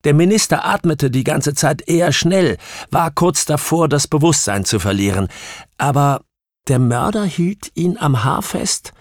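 A man's voice: on the high side, expressive, measured pace, dry recording, voice pushed up. A man voicing a shaken young woman, a hesitant witness who falters and sometimes drops to a whisper, in an audiobook reading. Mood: recounting. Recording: dry close studio sound.

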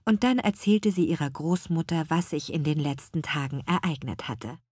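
A woman narrating a children's storybook audiobook in a calm, measured, expressive reading. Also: low-pitched, husky, dry recording, studio quality.

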